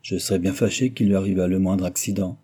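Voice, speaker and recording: A man's voice: low voice, steady tone, fast talker, warm tone, breathy edge. A man voicing a polite, formal elderly lord while reading a novel aloud. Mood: courteous.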